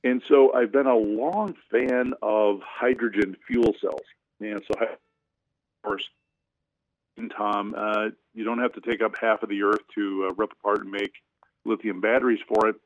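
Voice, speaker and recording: Brief: lower-voiced male financial advisor on a phone line, rambling and hesitant, dry lo-fi sound. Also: steady tone, unhurried, no room sound. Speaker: financial advisor, regular guest. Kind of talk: casual radio chat. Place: cabin in the woods. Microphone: phone or internet call.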